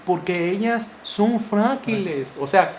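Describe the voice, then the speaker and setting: A man with a Mexican Spanish accent teaching a Bible lesson to men, animated and acting out the voices of wives and husbands. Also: high voice, slow. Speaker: church teacher. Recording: echoey room with faint noise.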